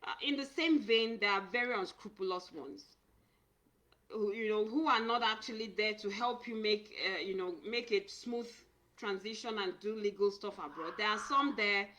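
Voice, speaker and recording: The recording is rough as a woman from Nigeria, an immigration consultant, answers viewers during a live stream in a slightly high, sharp voice. Earnest in manner, she reads comments aloud and keeps repeating and restarting words.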